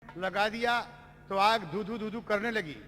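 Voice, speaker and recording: A man's voice: high-pitched, unhurried, sharp tone. A man with a Bhojpuri accent performing dramatic Birha folk storytelling, addressing listeners in a declamatory way. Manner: declamatory, addresses audience as babuji. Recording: echoey stage recording with music. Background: music.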